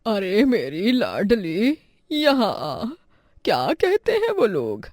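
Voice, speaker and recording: A woman voicing a loving old grandmother in a cartoon, speaking slowly and affectionately. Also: fairly high pitch, expressive, a little mellow, no room sound, clean studio sound. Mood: tender. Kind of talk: cartoon voice acting.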